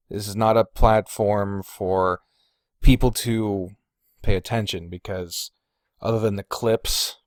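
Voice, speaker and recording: In clean studio sound without echo, a man with a fairly low voice hosts a podcast and also creates videos. He chats candidly and rambles, pausing to hedge his points, with some casual swearing.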